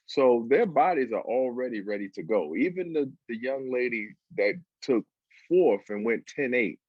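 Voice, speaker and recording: A man talks casually and jokes over a video call, his husky voice swooping up and down. The sound is dry and close, with the dull, lo-fi tone of call audio. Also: medium pitch, expressive, dry recording. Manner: joking, laughing, quick asides. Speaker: co-host joining by video call. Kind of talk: casual chat.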